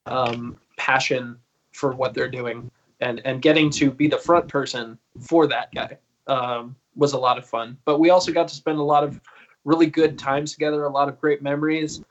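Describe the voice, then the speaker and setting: A man's voice: mid-range voice, steady tone, normal speed, muffled recording. A man in his early thirties talking loosely on a video call, rambling, swearing and laughing as he tells stories. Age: 30s. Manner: rambling and laid-back, swears freely, laughs often. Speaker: guest singer. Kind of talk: casual interview chat.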